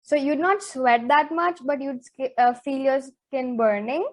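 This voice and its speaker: A teenage girl from Zambia co-hosts and is interviewed on a casual chat podcast. Her slightly high voice is chatty and animated, she gets worked up quickly, and she says "like" a lot.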